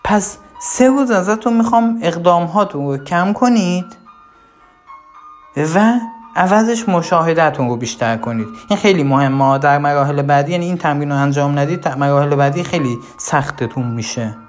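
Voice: mid-range voice, expressive, soft background music. A parenting coach giving a recorded course lesson, speaking directly to parents with firm instructions and rhetorical questions.

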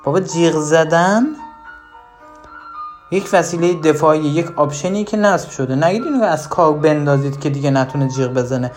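A parenting advisor giving direct advice to the listener, asking rhetorical questions and shifting between lively and low, emphatic tones. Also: faint music behind.

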